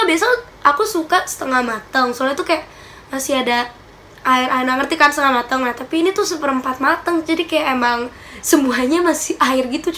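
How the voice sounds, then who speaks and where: In her little bedroom, a young woman answers questions for her vlog in a chatty, giggly way, hands moving animatedly. Her voice is high and a touch congested from a cold, and there's slight noise behind her.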